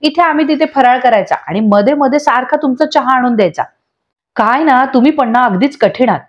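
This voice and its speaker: A busy, sharp-tongued middle-aged housewife who scolds her husband, as a woman narrator puts her on. She speaks in a fairly high, exasperated tone. The audio is slightly dull and lo-fi. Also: animated, fairly quick.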